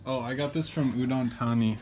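A man's voice: medium pitch, brisk, a crowd in the background. Hesitant young man touring his echoey house. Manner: hesitant, many ums, deadpan dry humor. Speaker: vlogger giving a house tour. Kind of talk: casual house tour narration. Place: indoor shared house, tiled rooms. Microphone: handheld phone camera. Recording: echoey room with household noise.

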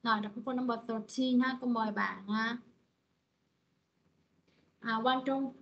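A woman's voice: a little high, steady tone, a little slow, gravelly, highs cut off. Woman teaching pronunciation. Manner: repeats phrases, calls on students by name. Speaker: English teacher. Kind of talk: online pronunciation class.

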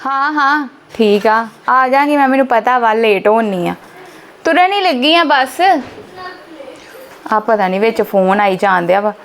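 A rushed young college student, played by a woman, heading out the door. She talks in a high voice and keeps pressing her point, hurried and insistent. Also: animated, a bit bright. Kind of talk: amateur family drama acting.

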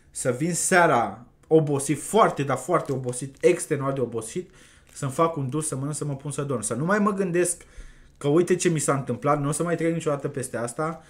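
Blunt confessional man, slightly high. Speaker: guest. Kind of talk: candid interview talk.

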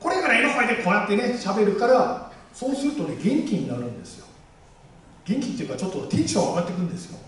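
Man, rally speaker, quick and lively with a raised pitch, heard from a distant mic in a booming hall. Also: a little hiss or hum. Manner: animated, jokey, acts out quoted voices. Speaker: guest speaker at a campaign rally. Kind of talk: public speech to a live audience. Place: large public hall. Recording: echoey hall, mic far off.

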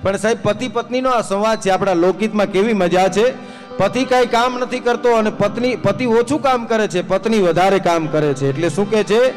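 A man's voice: high voice, a little fast, faint music behind. A man telling humorous folk stories on a live stage, chatty and anecdotal, slipping into folk song. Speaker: folk storyteller and singer. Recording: live stage with long reverb and faint instruments.

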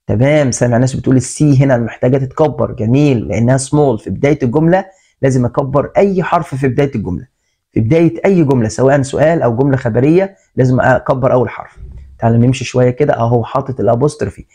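A man's voice: medium pitch, very fast, dark tone, slightly rough. A man with an Egyptian Arabic accent teaching an English exam review, explaining step by step, translating each word, and asking his class questions. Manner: asks the class questions and answers them.

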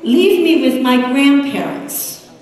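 A woman's voice: high-pitched, slow, darkish tone. A middle-aged woman pastor with a Puerto Rican accent preaching a sermon, gesturing as she speaks at the pulpit. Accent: Puerto Rican Spanish. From United States. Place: large church sanctuary. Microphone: room mic from a distance. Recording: echoey sanctuary from far off.

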